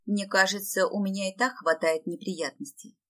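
A woman's voice: medium pitch, fairly even intonation, moderate pace, fairly bright tone, lightly acted. A woman reading an audiobook, voicing a naive young village woman who speaks nervously and warily. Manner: nervous, wary.

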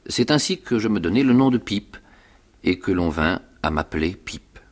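A man giving a measured, expressive reading of a classic novel in the first person. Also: low-pitched. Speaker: reader. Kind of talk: dramatic literary reading.

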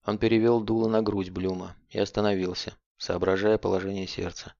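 A man narrating an audiobook in a steady, grave storytelling manner, on a dull lo-fi recording. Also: on the low side, brisk, vocal fry, no echo.

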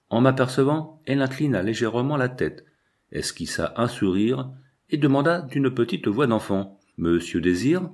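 A man's voice: mid-range voice, a little mellow. A man reading a first-person novel aloud as an audiobook narrator, telling the story expressively.

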